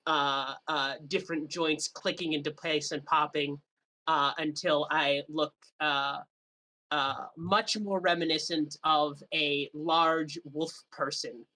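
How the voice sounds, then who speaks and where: Slow, hesitant player with bright voice. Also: male voice, fairly high pitch, fairly even intonation, poor audio. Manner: hesitant, halting with many fillers.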